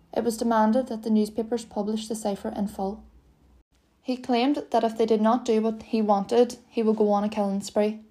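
A woman giving a scripted true-crime narration as a podcast host, reading in a steady, even way. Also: fairly high pitch.

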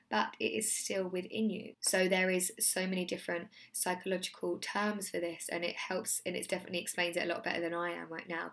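A woman hosting a solo self-help podcast in a casual, effusive and earnest way, her voice hoarse and giving out as if she has nearly lost it. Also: fairly low pitch, a bit bright. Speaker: podcast host and mindset coach.

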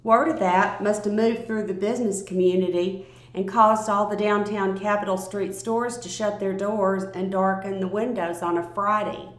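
A woman narrating a first-person story aloud in a calm, measured reading voice. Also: medium pitch. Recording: roomy, echoey recording.

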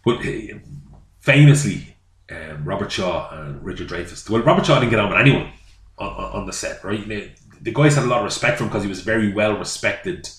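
A man's voice: lowish voice, expressive, fairly quick, a bit bright. A man from Ireland co-hosting a casual film chat, telling stories that trail off mid-sentence. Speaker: podcast co-host. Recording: echoey room.

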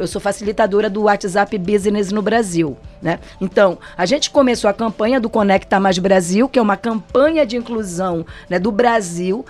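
A woman's voice: medium pitch, a little mellow. A Brazilian woman giving a casual motivational talk as a business trainer, chatty and often checking in with her listeners. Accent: Brazilian Portuguese. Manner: chatty, frequent tag questions. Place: studio set for a program.

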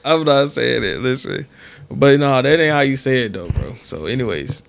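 A man's voice: medium pitch, expressive, moderate pace, creaky. A young man co-hosting a podcast, talking in a laid-back, slangy casual chat. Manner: laid-back, slangy, keeps saying "you know what I'm saying". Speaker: podcast co-host.

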